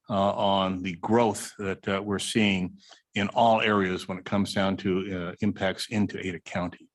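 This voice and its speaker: A man, a highway district director, presenting slides at a public meeting in a city hall room, halting with many uh fillers.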